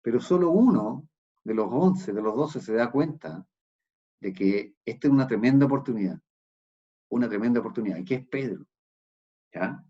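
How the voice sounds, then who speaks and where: Husky-voiced Chilean pastor preaching. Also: male voice, mid-range voice, expressive, normal speed, pauses often, highs cut off. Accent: Chilean Spanish. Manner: explanatory, keeps checking in with listeners. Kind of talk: sermon. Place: church.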